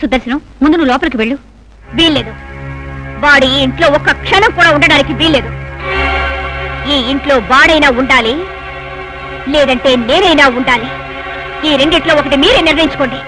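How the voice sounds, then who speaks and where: A woman's voice: sits high, fairly quick, pauses often, close to an everyday voice, rough recording. A woman playing a proud unmarried elder sister in a dubbed film drama, speaking sternly and indignantly, then pleading through tears. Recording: film soundtrack with loud music.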